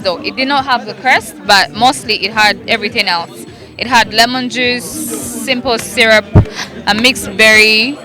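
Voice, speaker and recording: A woman in her twenties, answering questions in a casual interview at an outdoor party, relaxed and quick to laugh. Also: on the high side. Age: 20s. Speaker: event guest. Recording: loud party music and crowd chatter.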